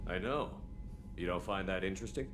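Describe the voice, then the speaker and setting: A man plays a decisive military starship commander with a dry wit. His low voice moves quickly through brief orders and questions. It is video game dialogue with music underneath. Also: natural voice. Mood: firm, wry. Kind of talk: game character acting.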